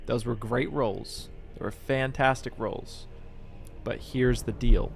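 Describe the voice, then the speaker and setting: Male streamer, gravelly, middle pitch, live gameplay commentary, prone to loud outbursts. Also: slow pace, faint music behind. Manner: excitable, bursts into shouts and laughter. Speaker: streamer and channel host.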